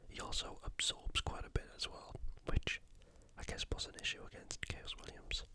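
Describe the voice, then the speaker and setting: An ASMR host from the UK talks through coming bouts entirely in a hushed, unvoiced whisper, thinking out loud with the odd hesitation.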